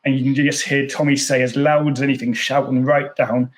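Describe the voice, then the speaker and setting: A man's voice: mid-range voice, level tone, a little fast, poor audio. A man hosting a football podcast, chatting enthusiastically as a fan and often repeating words as he goes. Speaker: podcast host. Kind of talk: casual interview.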